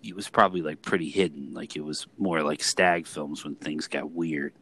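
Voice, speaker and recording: A man's voice: very deep voice, fairly even intonation, moderate pace, fairly bright tone, a little hiss or hum. A man in casual chat, rambling and swearing, often trailing off mid-sentence.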